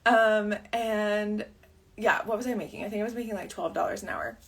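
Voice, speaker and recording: Woman, 30s, husky morning voice, casual livestream chat, rambling, lots of ums and tangents, mid-pitched. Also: moderate pace. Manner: rambling, chatty, full of fillers and tangents. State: rough morning voice. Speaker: vlogger and wedding videographer.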